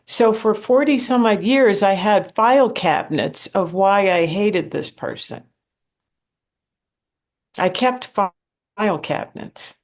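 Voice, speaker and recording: A woman's voice: medium pitch, takes it slowly. A woman in her forties, the host, telling a personal story in an earnest, reflective way. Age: 40s.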